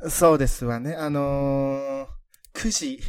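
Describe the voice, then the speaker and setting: A man's voice: medium pitch, fairly even intonation, slow, smooth, dry recording, lightly acted. A man co-hosting a radio show, voicing a prim, snooty rich young lady in refined, mock-haughty speech. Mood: explaining. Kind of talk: comedic radio chat in character.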